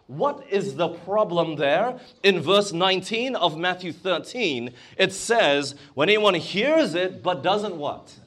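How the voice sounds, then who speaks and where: A man's voice: high-pitched, animated, slow pace, few pauses, fairly bright tone. A man preaching a sermon in a church or conference hall, asking the congregation questions as he goes.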